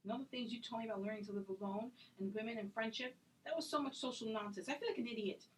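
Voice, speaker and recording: Actress as fast-talking, hurt, indignant woman friend. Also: a little high, a little hiss or hum, lightly acted, poor audio. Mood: hurt, accusing. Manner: accusatory, intense, rapid-fire. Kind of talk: self-taped dramatic acting scene.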